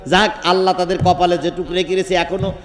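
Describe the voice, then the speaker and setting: A man preaching a Bengali waz sermon at an outdoor gathering, telling stories with animated force, shouting at the peaks and questioning the crowd through a microphone. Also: sits high, quick pace, big-room sound.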